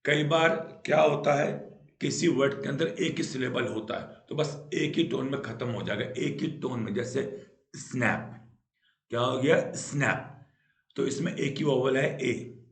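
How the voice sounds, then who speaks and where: A man's voice: mid-range voice, moderate pace, reverberant. A man teaching English grammar in Hindi, explaining patiently, repeating key points and often checking with "right?". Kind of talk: Hindi-language grammar lesson.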